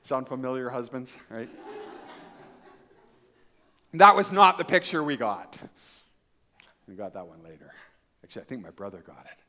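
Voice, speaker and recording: Animated, bright-voiced man preaching. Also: medium pitch, moderate pace, pauses often. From Canada. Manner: animated storytelling, acts out voices and asks the crowd questions. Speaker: pastor. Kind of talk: sermon with children and adults.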